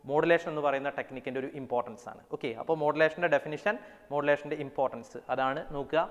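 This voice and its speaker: A man's voice: sits high, a bit bright. Man teaching in a long echo. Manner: explains step by step, reads English definitions out slowly; mixes English terms into his talk, checks with "alle?". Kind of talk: lecture to students.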